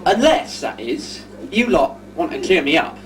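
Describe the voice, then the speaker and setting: A man's voice: on the high side, big pitch swings, a little slow. A man playing a lazy, cheeky young shop assistant who jokes and chats with the audience, on an amateur village pantomime stage recorded from far off. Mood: chummy. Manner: cheeky, chatty, joking with the audience. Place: pub skittle alley stage with audience. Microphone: far audience camera. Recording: distant noisy live stage recording.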